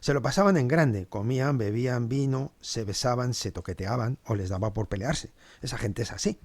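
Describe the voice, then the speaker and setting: Man as a sardonic manservant, mid-pitched, dry close sound, storybook podcast. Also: moderate pace, a little mellow, no echo, natural voice. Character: Sosia, wry cynical male servant. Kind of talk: scripted two-hander narration.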